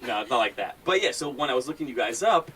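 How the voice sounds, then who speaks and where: A man's voice: mid-range voice, expressive, quick pace, bright, forceful tone, husky, recorded from a distance. A man hosting a radio interview in a casual, playful way, laughing often. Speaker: radio host. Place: radio station lounge.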